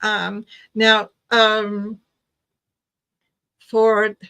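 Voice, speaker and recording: A woman's voice: mid-range voice, completely flat delivery, extremely slow, gravelly, bright, forceful tone, clear, resonant tone. A middle-aged woman from Croatia, raised in Canada, hosting a tarot livestream and chatting casually with viewers, hesitant, with many ums and easy laughs. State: recovering from low blood sugar, tired. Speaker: tarot reader and livestream host.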